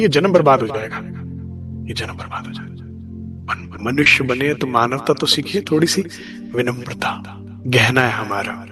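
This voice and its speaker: A man delivering a spiritual sermon in a slightly high voice, with music playing beneath him throughout. He sings out lines of verse slowly and then explains them in plain talk. He keeps asking his listeners questions and answering them himself. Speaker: spiritual speaker. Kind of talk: devotional discourse. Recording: background music under the voice.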